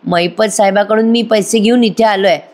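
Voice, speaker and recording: A woman's voice: medium pitch, fairly even intonation, moderate pace, a little mellow, natural voice. A woman voicing a bumbling male henchman who answers defensively.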